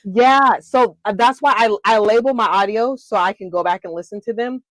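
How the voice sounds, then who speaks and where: A woman's voice: medium pitch, moderate pace, dry recording, poor audio. Woman, talk show host, casual chat, affirming, dry close sound.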